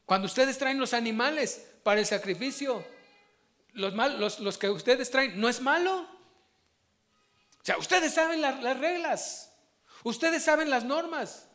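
Male preacher, high pitched, animated, questioning the congregation. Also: a little slow, pauses often. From Mexico. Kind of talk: sermon.

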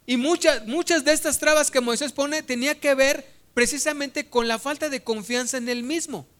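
A man's voice: very high-pitched, normal speed, a bit bright. A man preaching a sermon, retelling a Bible story in a conversational, humorous way.

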